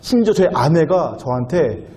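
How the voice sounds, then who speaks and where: A young man preaching a sermon in a warm, mellow voice that rises and falls a great deal. He talks with the congregation like a conversation, asks them questions, and jumps into a higher voice when he acts out what someone said. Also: sing-song, moderate pace. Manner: conversational, acts out quoted lines in raised voice. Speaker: youth pastor.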